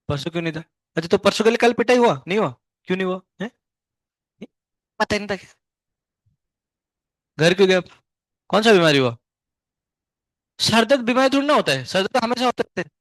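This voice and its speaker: A male physics teacher giving a live class lecture, firing quick questions at his students and explaining step by step. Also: high voice, expressive, a bit bright, no echo. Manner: chatty, scolding then explaining, asks students many quick questions; hums tunes to show wave shapes.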